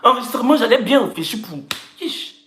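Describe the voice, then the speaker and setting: A woman's voice: a little high, animated, brisk, fairly bright tone, slight background noise. Woman, live stream chat, joking, repetitive, echoey room. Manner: teasing, repeats phrases, playful jokes. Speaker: social media personality. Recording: roomy echo.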